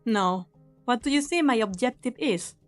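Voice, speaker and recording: In an anime game dub with soft music underneath, a woman voices a young mercenary leader in a high, natural voice at normal speed with lively intonation. The character is cynical and unsentimental, cool and sly, delivering every line with a taunting edge.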